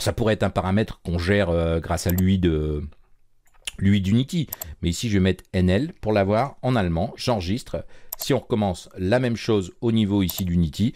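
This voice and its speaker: A man's voice: low-pitched, warm tone. A man teaching a coding tutorial in a casual, chatty way, with many fillers and restarts. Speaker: programming course instructor. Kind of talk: screen-recorded coding tutorial.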